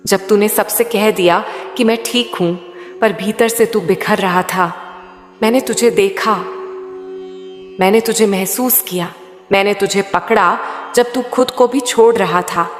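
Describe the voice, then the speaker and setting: A woman's voice: mid-range voice, natural voice. A woman voicing a tender mother goddess. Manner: slow, soothing, intimate address. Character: loving mother goddess, tender, all-knowing, consoling. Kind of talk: devotional spoken message. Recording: echoey hall with faint sitar music.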